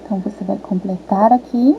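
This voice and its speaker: A woman primary school teacher, patiently walking young children through a worksheet and sounding out syllables slowly. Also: mid-range voice, slight background noise. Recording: tinny phone-quality audio.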